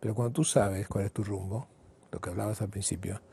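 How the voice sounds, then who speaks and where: Brief: therapist-writer, gravelly, expressive storyteller in an interview. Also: male voice, fairly low pitch, dry recording. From Argentina. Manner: expressive storyteller, emphatic pauses.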